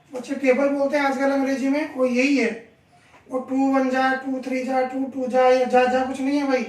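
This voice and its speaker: A male teacher giving a grammar lesson in a classroom, asking rhetorical questions and repeating examples slowly. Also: extremely high pitch. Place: classroom with a board. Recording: echoey room, voice from far off.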